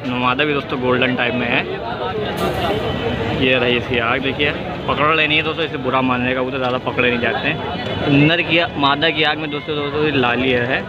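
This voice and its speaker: A man's voice: mid-range voice, fairly even intonation, brisk. A man with a Lucknow Hindi accent giving a chatty walkthrough of a pigeon market, talking straight to his viewers as friends. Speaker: vlogger showing pigeons at a market. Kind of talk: handheld market walkthrough commentary. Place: crowded outdoor pigeon market. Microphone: phone camera held close. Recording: dull lo-fi phone audio with loud crowd and traffic noise.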